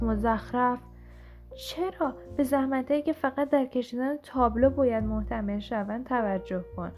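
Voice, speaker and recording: A woman's voice: a little high, a little mellow, lightly acted. A woman voicing a kindly, earnest young man in an audiobook reading, speaking in a pleading way. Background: background music.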